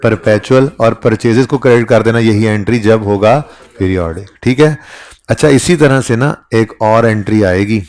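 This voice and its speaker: A man teaches an accounting class in a relaxed, conversational way. His voice sits a little on the low side. He keeps pausing to ask the students whether they are following. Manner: conversational, keeps checking in with "ठीक है?". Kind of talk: classroom lecture.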